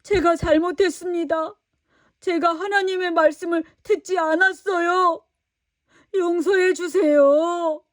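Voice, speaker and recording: A woman voicing a stubborn, quick-tempered prophet man who whines and complains in a storybook. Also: very high voice, fairly even intonation, dry recording, studio quality, voice pushed up. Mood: pleading. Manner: whiny, complaining.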